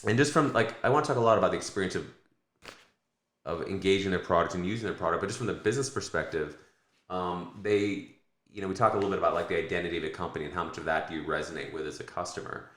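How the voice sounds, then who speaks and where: Fast, deep-voiced American man rambling. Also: a bit bright, echoey room. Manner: rambling, self-correcting, many fillers. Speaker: podcast co-host. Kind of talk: casual podcast chat.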